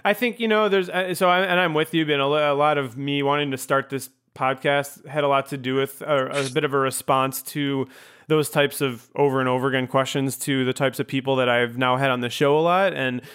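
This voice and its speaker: A man hosting a podcast in a relaxed interview chat. His voice is smooth and clear at a middle pitch, and he wanders through his questions with frequent ums, uhs and self-corrections. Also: brisk. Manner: rambling, hesitant with many ums and restarts. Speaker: podcast host.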